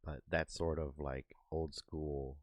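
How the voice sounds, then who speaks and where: A man's voice: extremely low pitch, little pitch movement, takes it slowly, dry recording. A man hosting a podcast, chatting casually while he doodles, laughing often and acting out cartoon moments. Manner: laid-back, laughs often, acts out cartoon bits. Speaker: podcast host and artist. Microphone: desk microphone.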